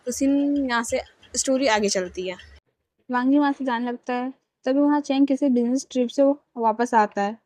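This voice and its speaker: A young woman tells a fan fiction story, speaking all the characters' lines in her own voice with plain emotion. Her voice sits high. It is recorded close and dry, with no room sound. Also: moderate pace, mellow, dry recording.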